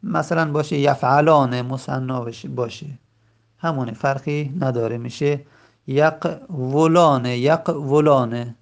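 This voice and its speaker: A man teaching a grammar lesson. He says the example words slowly and drawn out, then explains quickly. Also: mid-range voice, steady tone, vocal fry.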